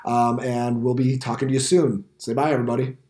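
A man's voice: mid-range voice, level tone, fairly quick, mellow. A middle-aged American man casually hosting and interviewing on a podcast. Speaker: podcast host and teacher. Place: indoor school podcast studio. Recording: roomy, reverberant room sound.

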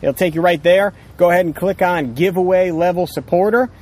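With music behind him, this podcast co-host jokes around outdoors on a ranch in loose, upbeat, profane banter that includes sponsor plugs. He talks a little fast in a high-sitting voice with a darkish tone.

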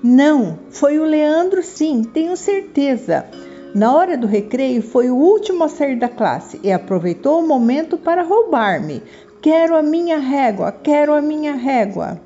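A woman's voice: high voice, sing-song, normal speed, few pauses, warm tone, lo-fi sound, faint music behind, voice pushed up. A woman voicing a stubborn, indignant schoolgirl in a children's storybook, insistent and accusing. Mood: indignant, demanding.

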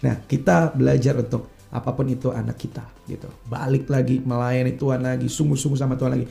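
A man, a youth pastor preaching earnestly in a relaxed chat, mixing in slang and acting out everyday complaints. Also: medium pitch, fast, creaky, faint music behind.

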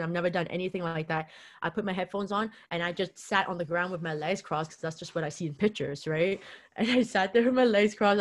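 A young woman rambling through a personal story in an animated, casual way. Her voice sits a little low for a woman, and she keeps acting out her own past reactions in quotes. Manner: rambling, animated, full of fillers and quoted self-talk. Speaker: vlogger.

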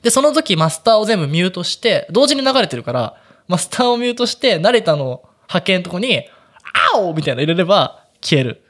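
Man, podcast co-host, lively up-and-down pitch, laughs a lot, casual chat. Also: quick pace. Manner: laughs often, explains gear eagerly.

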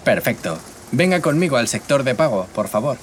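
A man's voice: mid-range voice, very animated, fairly quick, a little hiss or hum, close to an everyday voice. A man acting as a courteous shop salesman in a scripted learner dialogue, speaking in a formal sales manner. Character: polite adult male shop salesman.

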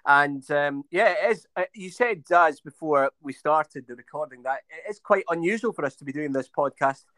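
A man's voice: on the high side, moderate pace, a bit bright, dry recording. A man co-hosting a football podcast in casual chat, hesitant with many fillers and restarts. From England. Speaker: podcast co-host.

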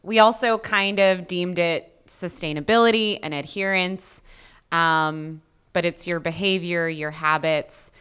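A woman's voice: lowish voice, a little slow, fairly bright tone, clear, resonant tone. A woman co-hosting a casual fitness podcast, explaining ideas in a chatty way. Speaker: podcast co-host, coach.

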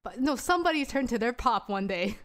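Playful young woman, lively pitch. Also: brisk. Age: young adult. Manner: giggly, playful. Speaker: podcast co-host. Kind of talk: casual chat.

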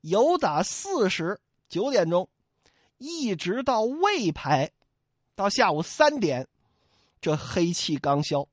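A man's voice: sits high, slow, no echo, clean studio sound. A man telling a classic tale in humorous traditional storytelling style, joking with the listener and acting out sound effects. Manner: lively and joking, with mock sound effects and asides.

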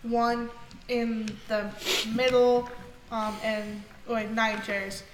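A woman narrating as game master, pausing often with fillers and correcting herself mid-sentence. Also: fairly high pitch, level tone. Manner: halting, frequent fillers and self-corrections. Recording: echoey room, off-mic, background noise.

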